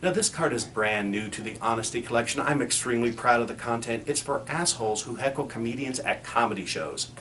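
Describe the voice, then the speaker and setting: A man playing a crude, cynical clown pitchman in a spoof infomercial, swearing and mock-sincere as he sells insulting greeting cards. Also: a little fast, few pauses, fairly bright tone, natural voice. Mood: salesy, proud. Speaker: comedian in character as a clown. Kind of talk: spoof infomercial sales pitch with recited rhyming card verses. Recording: roomy echo, faint background noise.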